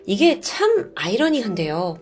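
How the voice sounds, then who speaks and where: A woman storyteller narrating true crime in a chatty, conversational way. Her pitch rises and falls a great deal, and soft music plays behind her. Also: measured pace. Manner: chatty, expressive, addresses listeners directly. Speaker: storyteller host.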